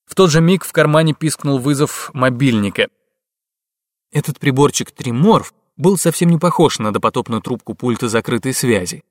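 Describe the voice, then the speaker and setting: Male audiobook narrator, mid-pitched, steady and measured, dry close sound. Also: no room sound. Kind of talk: scripted narration.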